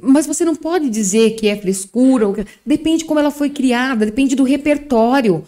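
A woman's voice: sits high, normal speed, dark tone. A woman, a psychologist guest on a podcast interview, explaining things and posing rhetorical questions.

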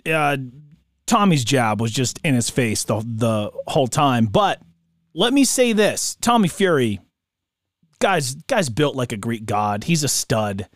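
A man's voice: mid-range voice, expressive, measured pace, no room sound, clean studio sound. A man chatting casually about sports as a podcast co-host, with slangy bro talk.

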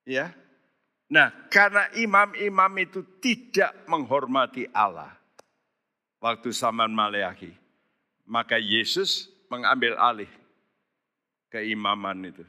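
Male pastor, slow deliberate sermon, bright edge, emphatic, long hall reverb. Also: mid-range voice. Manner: emphatic, rising to loud exhortation.

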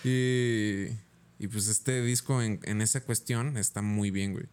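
A man's voice: on the low side, fairly even intonation, slow pace, darkish tone, clear, resonant tone. A young man with a Mexican accent, co-hosting a music podcast in laid-back chat full of slang. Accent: Mexican Spanish. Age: young adult. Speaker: podcast co-host. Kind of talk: casual chat.

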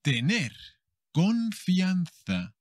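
A man from Spain with a Castilian accent, teaching a lively bilingual Spanish lesson and acting out small everyday scenes. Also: high-pitched, drawn-out words, no room sound, studio quality. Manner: animated, acts out little everyday scenes.

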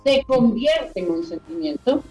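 A woman hosts a radio talk show in a casual, effusive way, laughing easily and filling pauses with "eh". Her voice sits a little high. She sounds distant from the mic in an echoey space, with faint music underneath. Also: lively intonation. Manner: warm, effusive, laughs often, many fillers.

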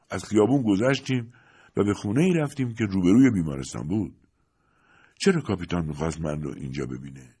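A man's voice: deep voice, a little mellow, slightly rough. A man narrating a story as a scripted audiobook reading, telling it expressively.

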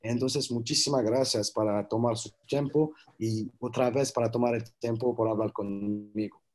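A man's voice: medium pitch, fairly even intonation, moderate pace, darkish tone. A man with a non-native accent in Spanish, talking earnestly in a casual interview, repeating words and making grammar slips as he searches for them. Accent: foreign, non-native Spanish. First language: not Spanish. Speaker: interview guest, filmmaker.

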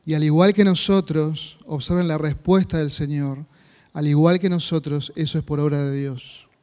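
A man's voice: on the high side, fairly even intonation, normal speed, darkish tone, big-room sound. A man, a pastor with a Rioplatense Spanish accent, teaching a sermon-style Bible class and earnestly checking in with the congregation. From Argentina. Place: church hall.

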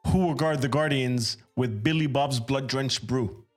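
A man hosting a casual podcast interview, halting and repeating words as he phrases his thoughts. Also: medium pitch, soft background music. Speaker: podcast host.

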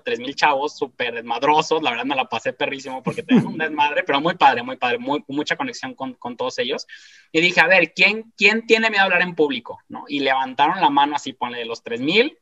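A man with a Mexican Spanish accent, telling a story as a guest in a casual, animated, slangy way. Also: mid-range voice, fast talker, hardly any pauses. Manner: animated, slangy, acts out quoted voices. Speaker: guest speaker. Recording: dull lo-fi sound.

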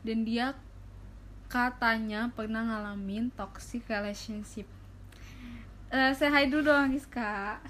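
A woman's voice: on the high side, fairly even intonation, takes it slowly, pauses often, a bit bright, a little hiss or hum. A young woman hosting a casual, slangy podcast, with an impediment that slurs her r sounds. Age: young adult. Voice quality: slurred r sounds, a speech impediment. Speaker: podcast host.

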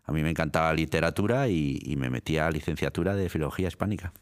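A man with a very deep voice, from Italy, answers interview questions in relaxed conversation. He often restarts and repeats words, laughing now and then between thoughts. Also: quick pace, clean tone. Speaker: guest. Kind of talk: casual interview talk.

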